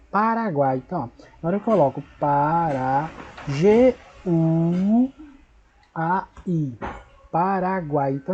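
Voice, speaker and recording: A man teaching a lesson, taking his time and spelling out each syllable slowly for his pupils. His voice is mellow and dark. The recording sounds muffled and lo-fi, with a faint hiss of noise underneath. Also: high voice. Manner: patient, spells out syllables slowly, repeats himself.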